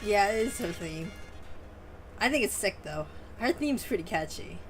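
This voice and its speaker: A woman's voice: mid-range voice, animated, moderate pace, soft background music. A young woman streamer giving casual game commentary in a teasing, foul-mouthed, slangy way.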